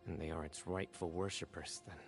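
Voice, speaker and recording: A male actor plays a stern, composed young desert guardian in a video game, speaking in a deep, natural voice with fairly even intonation. His delivery is measured, deliberate, and solemn with reflective resolve, and background music plays under the dialogue.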